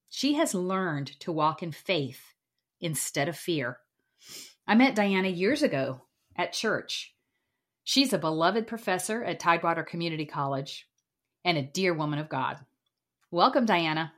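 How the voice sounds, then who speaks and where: A woman's voice: fairly low pitch, a bit bright. A woman hosting a faith interview who asks questions in an encouraging way. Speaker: host.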